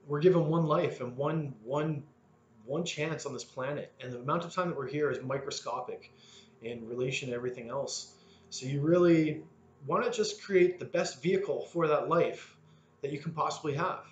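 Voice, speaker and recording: A man's voice: fairly high pitch, slight background noise. Earnest man in his thirties, echoey room. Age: 30s. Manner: rambling, earnest, many fillers and restarts. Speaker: fitness vlogger. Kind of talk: casual motivational monologue.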